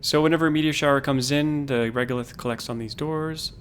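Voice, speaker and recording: On a livestream, a man offers relaxed, unhurried commentary on his gameplay, thinking out loud in a calm and understated voice. There's a little background noise.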